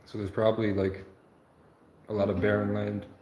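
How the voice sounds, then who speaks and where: This is a livestreamer in his twenties delivering a rambling monologue, earnest and meandering, frequently stopping to correct himself. His voice sits on the low side with a flat delivery, a darkish tone and normal speed. The room is echoey, with faint noise.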